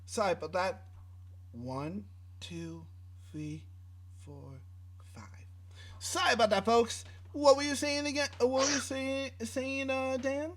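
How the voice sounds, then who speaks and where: A man's voice: extremely high pitch, moderate pace, hardly any pauses, fairly bright tone, a little hiss or hum. A man co-hosting a casual tech podcast, reading specs with many fillers and restarts in a laid-back way. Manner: laid-back, swears mildly. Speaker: podcast co-host. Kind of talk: casual chat.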